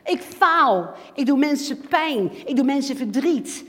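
Animated woman preaching in reverberant hall. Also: high-pitched, measured pace. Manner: animated, acts out little dialogues, swings between loud and hushed. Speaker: church speaker giving testimony. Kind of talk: sermon testimony.

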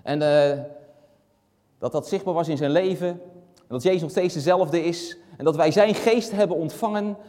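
A man preaching a sermon and reading Bible verses, speaking earnestly and steadily with frequent pauses and fillers. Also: on the high side, warm tone. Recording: long hall reverb.

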